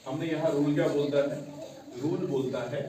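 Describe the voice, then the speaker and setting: Teacher in an echoey classroom. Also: male voice, fairly high pitch, steady tone, normal speed, far from the mic, crowd noise. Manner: repeats key words and quizzes the class. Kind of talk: classroom English lesson. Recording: echoey room recorded from afar, noisy.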